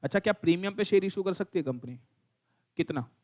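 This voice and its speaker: A middle-aged Indian-accented man lecturing a classroom on law. His voice sits fairly high for a man. He mixes in English, fires questions at students and teases them. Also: lively intonation, fairly quick, a little mellow. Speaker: law teacher.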